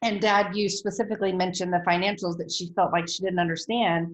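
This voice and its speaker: A woman's voice: on the low side, flat delivery, a little fast. Chatty woman hosting a video call. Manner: chatty and upbeat, frequent ums. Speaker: book club host. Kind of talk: casual chat on a video call. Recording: roomy video call audio.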